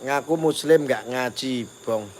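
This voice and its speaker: A man's voice: mid-range voice, unhurried, slight background noise. A man with a Javanese accent, ranting on a live stream and repeatedly taunting viewers to phone him.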